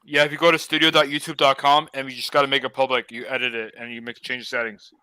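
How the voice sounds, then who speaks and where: A young man from the Los Angeles area hosts a casual live-stream hangout, rambling in a laid-back way with plenty of fillers. His mid-range voice is level, fast, pushed and bright, and smooth, with no room sound.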